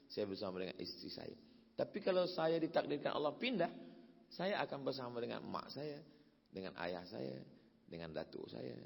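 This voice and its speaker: A male preacher telling stories in a sermon, swinging between loud emphatic passages and soft, low asides. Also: vocal fry, breathy edge. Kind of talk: storytelling sermon. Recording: long hall reverb.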